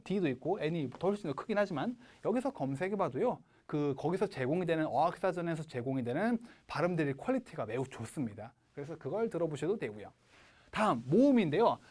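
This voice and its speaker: A man teaching English speaking-test pronunciation in a recorded lecture, modelling words slowly and often checking in with his students. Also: high-pitched, a little mellow.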